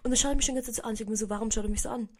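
Chatty young Viennese woman, higher voice. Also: steady tone, rapid-fire, darkish tone, breathy edge. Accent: Viennese Austrian German. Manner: chatty, mixes in English slang, addresses listeners directly. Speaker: podcast host. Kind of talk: casual storytelling monologue.

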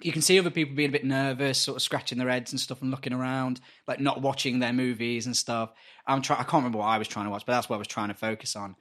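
A man's voice: mid-range voice, fast. A man co-hosting a podcast, telling a story in casual, sweary chat and acting out the people in it. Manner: animated, swears freely, acts out voices in anecdotes. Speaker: podcast co-host.

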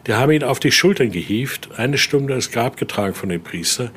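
A man's medium-pitched voice comes across brisk, expressive, and fairly bright, with a breathy edge. He's a voodoo expert and museum guide conducting an informal tour of an indoor exhibition room, explaining things and frequently tacking on small tag questions, while faint location noise is heard.

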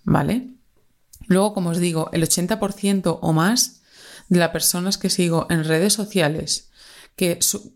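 Speaking with a Spanish accent, this young woman from Spain rambles on at length in her own solo podcast, filling gaps and correcting herself often. Her pitch is fairly low and her tone darkish.

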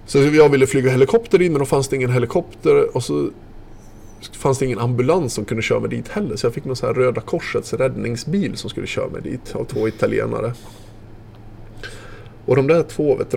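A man's voice: mid-range voice, creaky, darkish tone, slight background noise. A man and former ski racer, casually retelling a story in a vivid, loose way with fillers and the odd curse.

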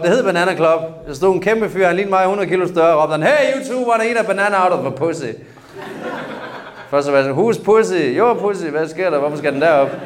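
A man's voice: mid-range voice, background noise. A man with a Danish accent doing a crude, ranting stand-up set with crowd banter on a club stage. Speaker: stand-up comedian. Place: club stage with live audience. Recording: live club crowd audible. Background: audience laughter.

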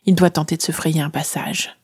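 A woman telling a first-person adventure story in an expressive way, sometimes dropping to a whisper. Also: low-pitched, brisk, vocal fry, slightly rough.

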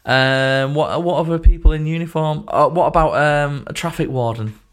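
A man's voice: on the high side, normal speed. Man, podcast co-host, teasing, sweary, casual banter.

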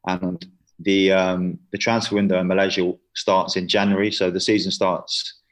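A young man in his twenties appears as an interview guest, chatting casually and packing his speech with fillers and "you know." His voice is low and level, at a moderate pace.

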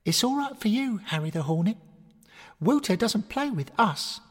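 A man's voice: high voice, lively intonation, moderate pace, big-room sound, voice pushed up. A man voicing a self-pitying female teddy bear toy in a plaintive, complaining tone. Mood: sulky.

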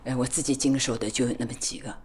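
A woman lawyer recalling her cases in an interview, talking deliberately with many filler particles. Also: very deep voice, fairly even intonation, a little mellow, breathy edge. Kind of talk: interview recollection.

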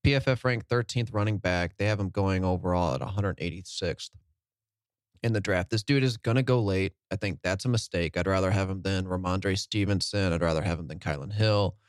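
A man co-hosting a casual sports podcast, relaxed and sprinkling in "like" as he reels off stats. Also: deep voice, fairly quick, no room sound, studio quality. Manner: relaxed, fills with "like", lists stats. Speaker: podcast co-host.

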